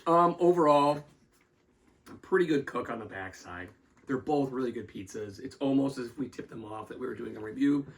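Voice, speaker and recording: A man's voice: mid-range voice, fairly quick, creaky. A man co-hosting a casual pizza review podcast, often stammering and restarting his sentences.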